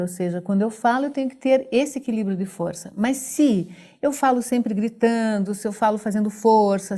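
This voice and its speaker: A woman's voice: fairly high pitch, warm tone. A woman speaking as a voice therapist on a radio talk show, explaining patiently with everyday examples. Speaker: voice therapist guest.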